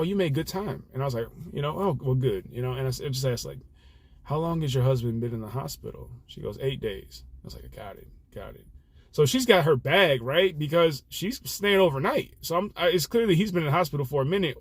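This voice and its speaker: A young man who drives for a rideshare service tells a personal story, his mid-range voice earnest and rambling, thick with fillers. It's casual, reflective storytelling with no room sound at all.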